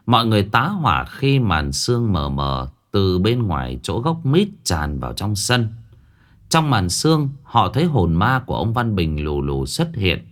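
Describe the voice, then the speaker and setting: A man narrating a scripted ghost story in a dramatic storytelling manner, dropping his voice low for the eerie parts. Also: unhurried. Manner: dramatic, lively storytelling with sudden hushed drops.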